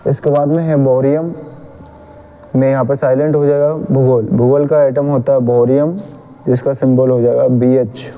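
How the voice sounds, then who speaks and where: A man's voice: medium pitch, level tone, moderate pace, dull audio. A man with a Hindi accent teaching chemistry, patiently repeating a memory trick and correcting his own slips.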